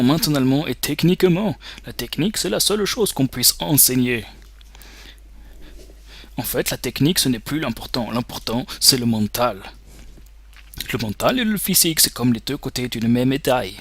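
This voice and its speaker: A man voicing a stern, legendary female soldier and mentor with a put-on German accent, lecturing slowly. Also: mid-range voice, expressive, a bit bright, slightly rough, no room sound.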